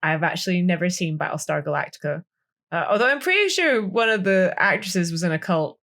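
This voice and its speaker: A woman's voice: lowish voice, big pitch swings, fairly quick, a bit bright. A woman co-hosting a podcast in casual chat, telling stories playfully and often restarting her sentences with "like". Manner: playful, with frequent restarts and filler "like". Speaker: podcast co-host.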